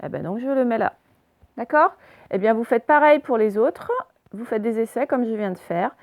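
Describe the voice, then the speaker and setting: Patient woman teacher, slightly gravelly. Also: on the high side, darkish tone, no echo. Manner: slow, patient, sounds out syllables and letters. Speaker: primary school teacher. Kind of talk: recorded reading and exercise lesson for young children.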